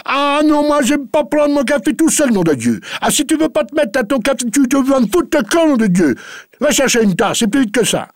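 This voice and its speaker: A man voicing a gruff, bossy old farm master who bellows and swears impatiently at his servant. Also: very high-pitched, big pitch swings, a little fast, dry recording, clean studio sound, voice pushed up. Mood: bellowing.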